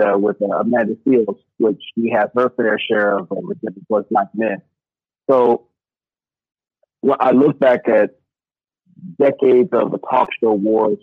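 Male podcast guest on a bad Bluetooth headset: underwater, gurgling, dry and muffled; halting delivery. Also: on the low side, breathy edge, dry recording. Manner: hesitant, halting with many fillers. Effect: muffled gurgling underwater-sounding audio. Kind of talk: casual opinion chat. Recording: muffled lo-fi headset call line.

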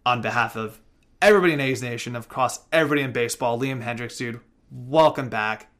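A man co-hosting a casual sports podcast, talking loosely with swearing and bursts of excitement. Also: mid-range voice, quick pace. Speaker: podcast co-host.

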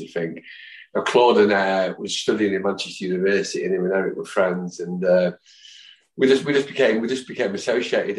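A man, a guest telling long, rambling stories in a podcast chat and acting out the people he quotes. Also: fairly low pitch. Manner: rambling, chatty storyteller who acts out quotes. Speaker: guest, fan songwriter. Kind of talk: anecdotal storytelling in a podcast chat. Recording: roomy echo.

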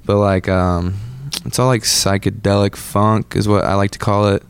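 A dry, clean recording of a man in his twenties from Atlanta, a musician guest in a casual interview. His voice sits on the low side with a level tone, a normal speed and some creak. He chats loosely and laid-back, dropping plenty of "like" and "um."

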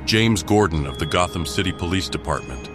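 A man with a low voice narrates a scripted crime mystery audio drama, taking the role of a grave storyteller. His delivery is animated and fairly quick, and the mood is grave and suspenseful. Background music plays beneath his voice.

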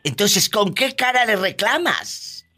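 A man's voice: high-pitched, very animated, takes it slowly, bright, forceful tone. A man with a Mexican accent hosting a radio talk show, teasing and theatrical, with playful exclamations.

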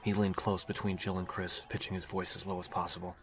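A man reading a novel aloud as an audiobook narrator, telling the story in a steady, even way. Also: low voice, brisk. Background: music.

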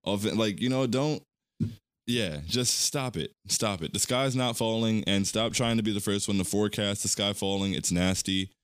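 A man's voice: lowish voice, normal speed, clean tone, no echo, clean studio sound. A man co-hosting a podcast, ranting heatedly about other fans and retelling online arguments in casual talk. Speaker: podcast co-host. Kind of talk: casual sports chat.

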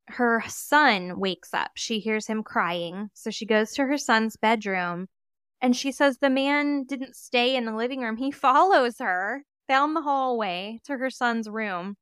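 A woman co-hosting a true crime podcast, retelling a case in an animated, casual way and acting out quoted witnesses. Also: a little high, slow pace, smooth, no room sound, clean studio sound. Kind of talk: casual storytelling.

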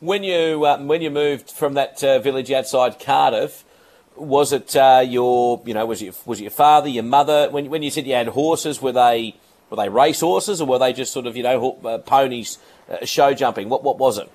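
A man's voice: mid-range voice, moderate pace, darkish tone. A man hosting a radio interview, friendly, with long rambling questions. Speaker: radio show host.

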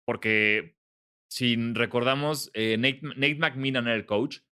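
Mexican man, sports podcast co-host, loose and chatty, mid-pitched. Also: takes it slowly, sharp tone, clean tone. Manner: chatty, swears casually, apologetic asides. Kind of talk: casual sports chat.

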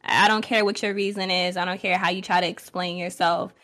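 Blunt woman with a bright, forceful voice. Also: lowish voice, level tone, a little fast. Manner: blunt, emphatic, swearing. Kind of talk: opinionated casual podcast talk.

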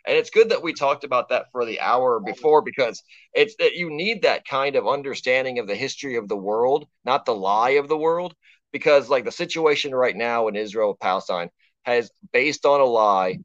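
A man's voice: mid-range voice, moderate pace, fairly bright tone, no echo. Texan man, podcast guest, profane and emphatic, dull lo-fi sound. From Texas. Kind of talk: casual podcast conversation. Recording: dull, dry lo-fi remote audio.

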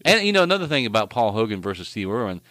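Male co-host, low voice, rambling profane banter, dry close sound. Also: racing, dry recording. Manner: rambling, profane, deadpan tall tales. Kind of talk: crude casual banter.

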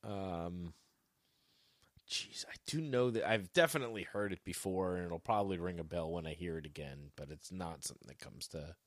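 Man, podcast co-host, joking, deep voice, dry close sound. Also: moderate pace, dry recording. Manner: joking, playful, stammering when unsure. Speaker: podcast co-host, quiz player. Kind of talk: casual podcast chat.

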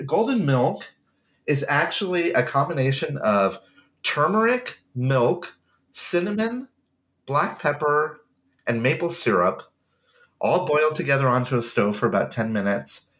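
A man's voice: a little high, sing-song, unhurried, a bit bright. Male podcast co-host, congested, emphatic and enthusiastic. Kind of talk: casual podcast chat.

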